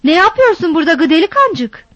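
Brief: woman reader as a stern older village woman, sharp and scolding, high voice, muffled close recording. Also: big pitch swings, fast, no room sound, heavily acted. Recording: dull dry recording.

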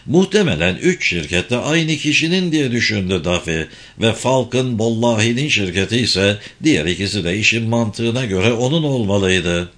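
A man giving steady, scripted narration of a spy thriller audiobook. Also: on the low side, moderate pace, hardly any pauses. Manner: steady, even reading.

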